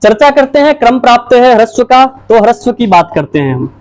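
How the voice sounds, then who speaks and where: A woman's voice: on the high side, very animated, fairly quick, darkish tone. A woman teacher giving a lecture, asking her own questions and answering them, and repeating each key point. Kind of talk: classroom-style lecture.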